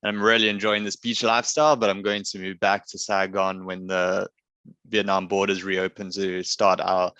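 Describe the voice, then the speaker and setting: A man with a bright, forward voice hosts a relaxed interview. He talks in an easygoing, chatty way, filling gaps with "like" and "you know", and his voice sounds dry and close to the mic. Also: deep voice, normal speed, clean tone, no echo. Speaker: interview host. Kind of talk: casual interview chat. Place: coastal city in Vietnam.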